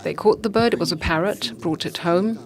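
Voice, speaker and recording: Woman telling a slow, pausing parable. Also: mid-range voice, gravelly. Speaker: speaker on fasting. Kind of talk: storytelling talk.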